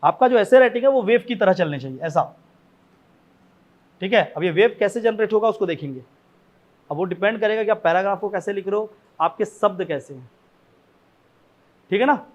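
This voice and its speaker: A man's voice: sits high, fairly quick, long pauses, muffled recording. A man teaching essay writing in a conversational classroom lecture, often checking in his students and repeating his key points. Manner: conversational, frequent "ठीक है ना" check-ins; repeats key points, asks rhetorical questions.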